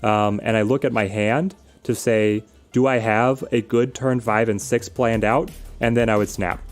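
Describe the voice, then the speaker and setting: In an unhurried, steady, lowish voice, a game streamer thinks aloud and walks through his strategy in casual live commentary. He answers questions from viewers while music plays.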